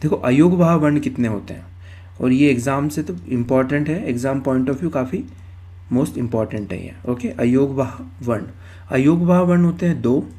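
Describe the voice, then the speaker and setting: A man's voice: medium pitch, moderate pace, warm tone, slightly rough. A male Hindi grammar teacher giving an exam-prep lecture, explaining step by step, repeating key terms and asking and answering his own questions.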